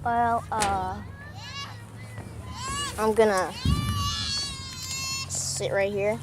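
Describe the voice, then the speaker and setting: A teenage girl vlogging at a city park, talking slowly with lots of hesitant ums. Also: mid-range voice, steady tone. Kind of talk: casual vlog chat. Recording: noisy outdoor handheld recording. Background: birds, traffic and outdoor noise.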